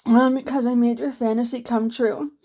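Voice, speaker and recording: A woman voicing a teasing, domineering superpowered stepmother in an intimate audio roleplay, with a slow, sultry delivery. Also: on the high side, little pitch movement, mellow, lightly acted.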